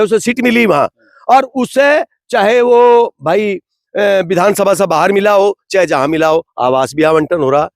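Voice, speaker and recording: Brief: fired-up man, high voice, dry sound, rhetorical and indignant. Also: creaky, dry recording. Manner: rhetorical, indignant, repeats "bhai". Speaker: interviewee from the community. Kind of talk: impassioned street interview.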